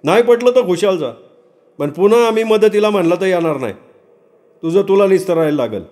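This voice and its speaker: A man's voice: sits high, lively intonation, a little fast, darkish tone, voice pushed up. A man voicing a stern village man giving warnings. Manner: firm, warning.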